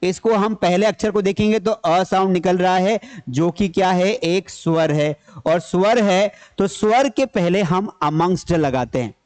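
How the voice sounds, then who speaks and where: A man's voice: sits high, a little slow, few pauses, darkish tone. A man teaching a grammar class, repeating key points and asking questions he answers himself. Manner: repeats key points, explains in Hindi mixed with English terms. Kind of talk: classroom lecture.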